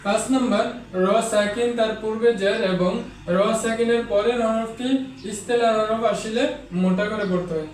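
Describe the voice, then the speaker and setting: A man teaching an online Quran recitation class, methodically listing rules one by one and repeating example words slowly. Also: sits high, fairly even intonation, echoey room, far from the mic, poor audio.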